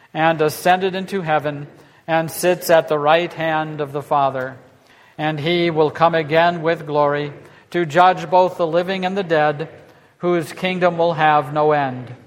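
A pastor leading a church service, reciting prayers and blessings in a measured, solemn way, with a long church reverb behind his voice. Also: a little high. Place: large church sanctuary.

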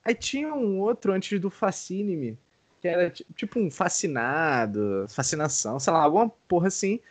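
A man with a Brazilian accent, a podcast host appearing as a guest, tells a story in an easygoing way. His voice sits fairly high, and the sound is dry and close. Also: moderate pace, dry recording. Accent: Brazilian Portuguese. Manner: relaxed storyteller, often adding "tá ligado". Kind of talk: casual storytelling chat.

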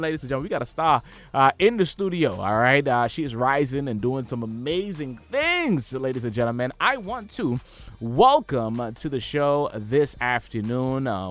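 A man hosting a radio show in a studio, hyping the audience with big swooping pitch. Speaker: radio host.

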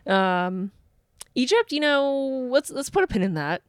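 A woman's voice: sits high, lively intonation, unhurried, smooth, no room sound, clean studio sound. An American woman co-hosting a podcast, in casual chat full of teasing, laughing banter. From United States. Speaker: podcast co-host.

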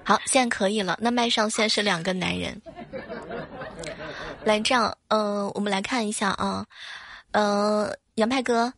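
A woman's voice: medium pitch, steady tone, moderate pace, pauses often, fairly bright tone. A woman hosting a live stream, bubbly and chatty, laughing often. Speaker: livestream host.

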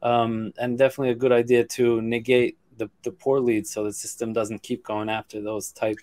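A man speaking as a guest on a podcast. He explains at length in a steady, practical way, doubling back on words and filling pauses with ums. His pitch is in the usual middle range. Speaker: guest expert. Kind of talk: casual podcast interview.

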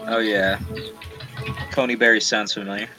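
A man's voice: fairly low pitch, little pitch movement, moderate pace, over music. A man chatting casually as a player in a tabletop game, with some light role-play. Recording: noisy home voice recording.

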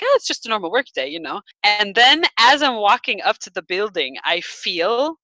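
A woman in her thirties tells a personal story in an animated, chatty way, full of fillers and quick laughs. Her voice sits a bit low but sounds bright and forceful, recorded dry and close. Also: dry recording, poor audio. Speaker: guest telling a personal story. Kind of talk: casual storytelling.

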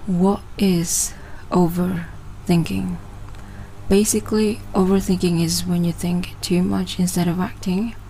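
A woman's voice: lowish voice, little pitch movement, a little slow, dark tone, a little hiss or hum, low-quality recording. A woman in her twenties from Malaysia, hosting a casual personal podcast and often hesitating and restarting her phrases. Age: 20s. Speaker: podcast host.

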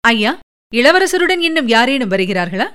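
A woman's voice: a little high, big pitch swings, moderate pace, a bit bright. A woman doing a sly scheming queen.

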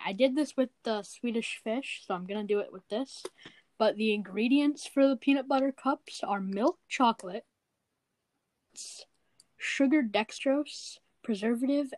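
Chatty teenage girl, fairly high voice. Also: dry recording, rough recording. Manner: chatty, hesitant with fillers. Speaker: podcast host. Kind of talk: casual chat.

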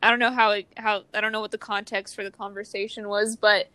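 A woman's voice: medium pitch, level tone, fast talker, pushed and bright, clean tone, no room sound. A young woman from Missouri with a Midwestern accent, co-hosting a casual chat podcast, rambling and swearing freely. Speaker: podcast co-host.

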